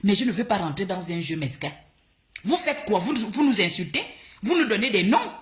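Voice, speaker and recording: A woman from Gabon speaking on a live stream, her pitch swinging up and down as she argues. She sounds indignant and confrontational, repeats her questions, and trips over restarts when she gets agitated. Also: sing-song, normal speed. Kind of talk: heated live-stream monologue.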